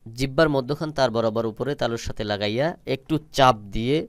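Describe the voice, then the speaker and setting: A clean-toned, mid-range male voice moves fast, yet the lesson itself is a slow, step-by-step one on Quran letter pronunciation. He is patient and instructive, repeating and stretching each sound, and there's no room sound.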